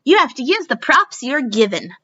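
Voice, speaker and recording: Woman acting cartoon girl game-show host, playful, hammy stage delivery, lively high pitch, slightly dull recording. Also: moderate pace, breathy edge, full character voice. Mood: showy, upbeat. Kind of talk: dramatic reading of a cartoon fan story.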